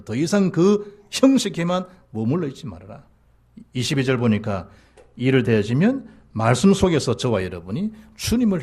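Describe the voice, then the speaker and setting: Male pastor, Gyeongsang accent, husky, lively sermon delivery with a wide pitch range. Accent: Gyeongsang Korean. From South Gyeongsang, South Korea. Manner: animated preaching, rising to emphatic peaks and dropping low.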